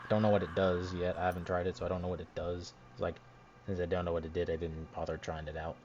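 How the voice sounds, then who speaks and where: A man's voice: sits low, level tone, fast, a little mellow, highs cut off. A man narrating over his gameplay footage after the fact, grumbling and rambling in an annoyed way. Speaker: gameplay commentator. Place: home recording setup, voiced after the footage.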